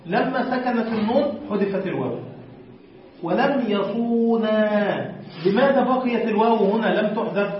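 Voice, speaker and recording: A man teaching a classroom lesson, explaining each rule step by step, stretching out example words slowly and quizzing his students. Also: high-pitched, lively intonation. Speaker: teacher of Arabic morphology. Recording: echoey room, distant dull lo-fi mic.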